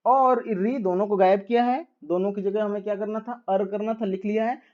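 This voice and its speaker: A man's voice: high voice, steady tone, a little fast, highs cut off. A man teaching a grammar lesson, patiently repeating each step and asking rhetorical questions as he writes on a board.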